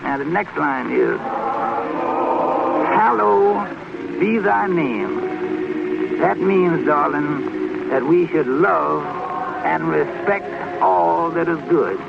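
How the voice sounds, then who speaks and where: In an old 1940s-50s radio drama, an actor plays a tender, devout father gently and slowly explaining a prayer to his child at bedtime, with a reverent mood. His full character voice is fairly high and creaky. The muffled old recording has choir music from a radio behind it.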